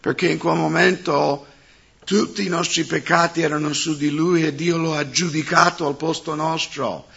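Husky-voiced pastor preaching a sermon. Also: male voice, fairly high pitch, fairly even intonation, normal speed, fairly bright tone. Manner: preaching with rhetorical questions to the congregation. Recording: dull muffled sound.

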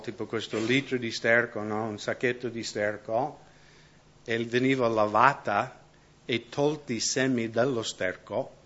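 A man preaching a conversational sermon who keeps checking in with the congregation with quick tag questions. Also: medium pitch, a bit bright, lo-fi sound. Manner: keeps asking the congregation "no?" and "giusto?".

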